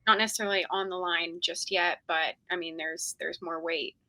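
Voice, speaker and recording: A woman's voice: fairly low pitch, fairly even intonation, normal speed, sharp tone, no echo. A young woman hosting a casual sports podcast interview, chatty and upbeat with frequent fillers. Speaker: podcast host.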